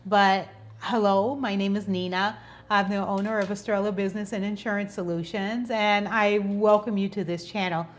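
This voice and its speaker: A woman in her fifties, a business owner who hosts her own channel, presents an informal explainer vlog. Her mid-range voice is steady at a normal speed, and she talks conversationally, often repeating words as she goes.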